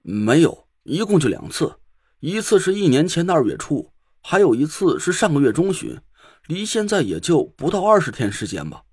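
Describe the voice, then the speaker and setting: A man's voice: a little high, big pitch swings, moderate pace, darkish tone, husky, dry recording, clean studio sound. A man voicing a loyal aging male servant who speaks hesitantly and broodingly, in an older man's voice. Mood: uneasy.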